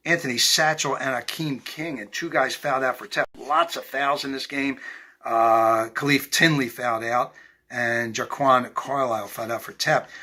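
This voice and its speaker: A man's voice: mid-range voice, sharp tone. An older man, a former referee, hosting a replay show and recapping game stats in a matter-of-fact way with many fillers.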